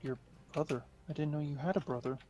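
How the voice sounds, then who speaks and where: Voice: mid-range voice, steady tone, fast talker, dark tone. A player chatting casually in a tabletop game, hesitating with fillers.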